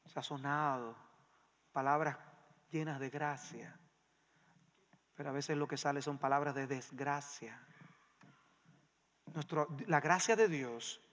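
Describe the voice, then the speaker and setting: High, bright-voiced preaching man. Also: slow, long pauses. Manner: emphatic preaching that swings between loud and hushed. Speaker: pastor. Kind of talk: sermon. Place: church sanctuary. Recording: long reverb of a church hall.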